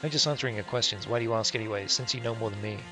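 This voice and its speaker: A man with a lowish voice races through a game's text on a live stream, the recording low in quality and game music playing underneath. He adds casual, profane, offhand remarks along the way.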